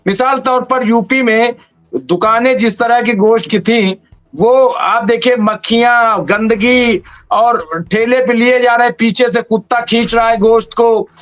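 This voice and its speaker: High-pitched man making his case earnestly. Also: fairly even intonation, unhurried, fairly bright tone, highs cut off. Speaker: debate panelist. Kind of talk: heated political discussion.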